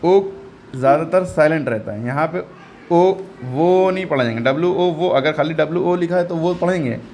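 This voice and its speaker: A man's voice: a little high, moderate pace, a little mellow, faint music behind. A man teaching English reading, patiently repeating each sound and quizzing his learner step by step. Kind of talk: step-by-step phonics lesson.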